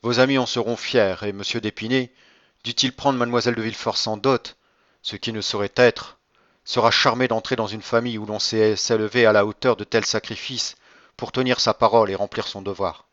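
A man voicing a calm, cunning nobleman in an audiobook reading, measured and courteous. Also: lowish voice, no room sound, lo-fi sound, lightly acted. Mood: composed.

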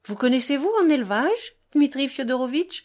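A high, swooping society lady who gushes and rushes on, never letting anyone finish, as a woman reader puts her on. Her pitch leaps all over the place with breathless, bossy enthusiasm. An audiobook reading. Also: expressive, a little mellow. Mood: gushing. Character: gushing, domineering society lady, middle-aged.

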